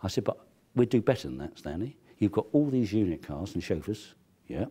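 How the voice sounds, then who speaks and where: A man's voice: brisk, breathy edge. An older man, a film crew member, telling anecdotes from a film set in an interview and acting out the dialogue he quotes. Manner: storytelling, acts out quoted dialogue with lively pitch.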